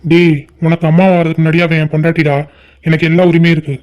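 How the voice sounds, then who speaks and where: A man's voice: a little high, monotone, quick pace, a little mellow, clear, resonant tone, muffled recording, lightly acted. A man voicing a stern, angry middle-aged father in a cartoon family drama, scolding and giving orders. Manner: scolding, commanding.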